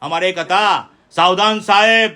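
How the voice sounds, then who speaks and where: A man's voice: sits high, normal speed, bright, forceful tone. A middle-aged man from India preaching a sermon with call-and-response. He speaks with emphasis and keeps asking his listeners questions.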